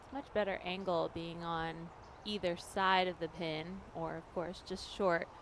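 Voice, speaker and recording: A woman's voice: lowish voice, fairly even intonation, measured pace, a bit bright, slight background noise. A woman giving explanatory, analytical sports commentary. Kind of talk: disc golf commentary.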